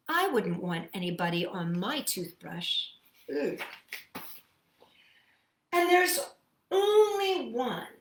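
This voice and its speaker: This is a storytime host, a woman whose mid-range voice carries a reverberant quality. She reads picture books aloud and chats with young listeners, keeping things playful, expressive and sing-song.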